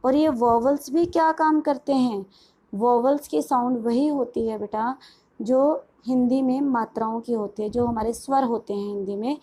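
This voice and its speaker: Her fairly high, dark-toned voice comes through a rough recording as she runs a Hindi-English pronunciation class. She questions the students, then answers herself, and drags out each English phrase word by word at a much slower pace.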